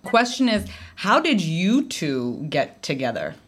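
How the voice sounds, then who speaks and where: A woman's voice: fairly low pitch, very animated, slow, fairly bright tone, husky. A woman hosting a casual interview, chatty and enthusiastic, with frequent use of "like". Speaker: interviewer, host.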